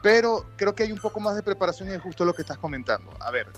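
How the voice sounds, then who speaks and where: A man's voice: high voice, expressive, rapid-fire, dull audio, soft background music. A man hosting a casual podcast conversation, asking long, rambling questions with a joking touch. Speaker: podcast host.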